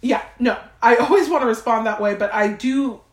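A woman hosting a podcast, telling a personal story in a casual, animated way, swearing freely and acting out what she and others said. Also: on the high side, normal speed. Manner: profane, animated, quoting herself and others. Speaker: podcast host. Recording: roomy echo.

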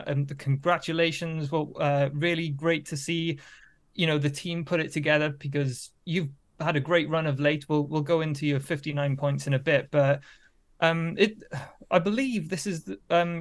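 Guy hosting a sports podcast, kinda high voice, chatty interview style. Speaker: podcast host.

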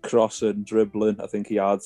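A man's voice: fairly low pitch, completely flat delivery, moderate pace, mellow, soft background music. A man from Liverpool with a Scouse accent, chatting casually as a football podcast panellist. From Liverpool, England. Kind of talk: casual chat.

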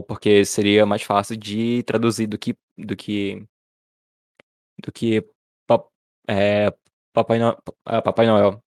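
Brazilian male podcast co-host, low voice, halting casual chat. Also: darkish tone, dry recording, clean studio sound. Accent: Brazilian Portuguese. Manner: hesitant, restarts words often.

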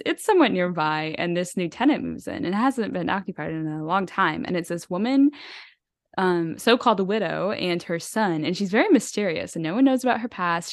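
A woman with a slightly low voice, talking with eager enthusiasm and rambling on with fillers and small laughs. Her sound is close and dry, with no room around it. It is relaxed podcast chat. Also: no room sound. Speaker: podcast co-host. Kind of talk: casual book chat.

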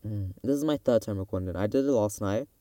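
Young man, soft-spoken, rambling podcast rant, dead dry closet sound. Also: fairly low pitch, fast talker, dry recording. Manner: rambling and self-interrupting, with frequent restarts. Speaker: podcast host; student. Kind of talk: casual ranting monologue. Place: closet at home.

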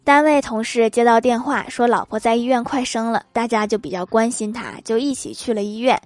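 A woman's voice: fairly high pitch, steady tone, brisk, darkish tone, soft background music. A woman hosting a comedy segment, reading funny everyday anecdotes and laughing at her own punchlines. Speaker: host.

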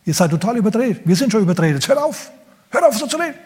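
A man voicing a frightened, overwrought disciple who scolds the women in a shrill, agitated voice. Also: very animated, fast, a little mellow, slightly rough, big-room sound, exaggerated voice. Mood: agitated scolding.

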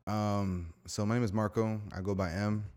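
A man's voice: lowish voice, fairly even intonation, normal speed, a little mellow. A man in his thirties chatting casually as a podcast guest, laid-back and slangy. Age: 30s. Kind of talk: casual interview chat.

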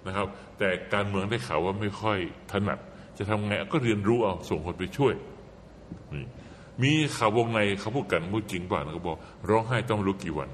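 A man talking casually as a guest commentator, telling an animated story and repeating words for emphasis. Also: fairly low pitch, a little fast, a little hiss or hum. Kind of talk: casual political talk. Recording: reverberant room, faint background ambience.

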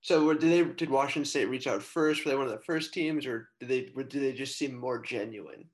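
A man's voice: mid-range voice, brisk. A man with an American accent asking questions as the host of a casual interview podcast. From San Francisco, United States.

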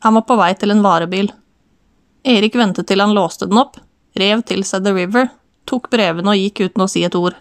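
Woman audiobook narrator, steady even storytelling, very dry studio sound. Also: mid-range voice, no echo. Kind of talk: scripted narration.

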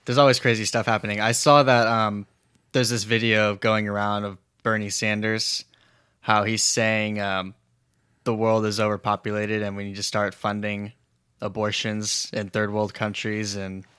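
A young adult man co-hosting a podcast in casual chat, relaxed, laughing often and trailing off mid-thought. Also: lowish voice, normal speed, clear, resonant tone, no room sound, studio quality. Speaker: podcast co-host.

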